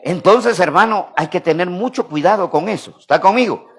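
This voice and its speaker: A Salvadoran man preaching a sermon, calling on the congregation to repeat after him and swinging between loud emphasis and quiet asides. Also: sits high, lively intonation, moderate pace, husky. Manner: call-and-response preaching, asks congregation to repeat. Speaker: pastor.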